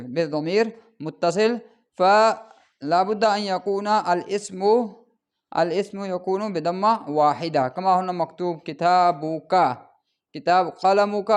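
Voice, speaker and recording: A man's voice: sits high, clear, resonant tone. A man teaching Arabic grammar, explaining patiently and repeating each example word several times while speaking straight to the viewers.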